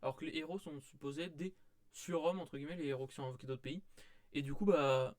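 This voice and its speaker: Man, casual rambling review, higher voice, dry sound. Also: fairly even intonation, fast, no room sound. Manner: rambling, many fillers and restarts. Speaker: manga reviewer.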